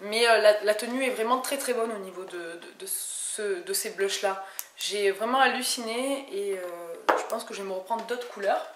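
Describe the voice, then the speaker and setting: Woman from France, casual beauty vlogger, talks in a chatty way with lots of hesitations and restarts. Mid-range pitch, recorded at home in an echoey room with faint background noise. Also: moderate pace. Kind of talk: casual haul video chat.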